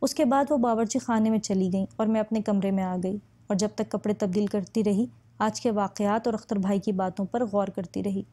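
A woman reading a novel aloud in the first person, steady and measured. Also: medium pitch. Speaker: audiobook narrator.

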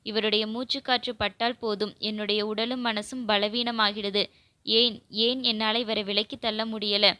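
A woman's voice: medium pitch, level tone, measured pace, pushed and bright, no echo. A woman reading a storybook, voicing a young wife's anxious, self-questioning inner thoughts. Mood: anguished. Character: guilt-torn young wife, inner voice.

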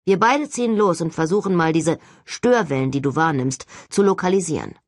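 A woman voicing a calm, confident teenage boy who leads his team in measured tones. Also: on the low side, no echo, clean studio sound, close to an everyday voice.

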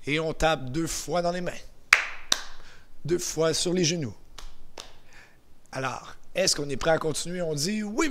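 A man with a Québécois French accent leading a gentle exercise class, calm and encouraging, counting down softly. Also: fairly high pitch. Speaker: exercise instructor. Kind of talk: guided seated exercise class. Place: indoors beside a chair.

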